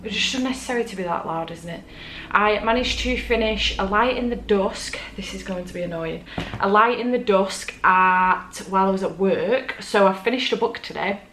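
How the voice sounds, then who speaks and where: A woman's voice: medium pitch, normal speed, a bit bright, slight background noise. A British woman chatting casually to camera as a book vlogger, rambling along with self-aware asides.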